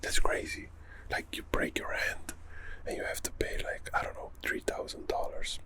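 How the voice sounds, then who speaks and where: A young man from Europe, whispering a casual, chatty ASMR talk as the host of his channel. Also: moderate pace.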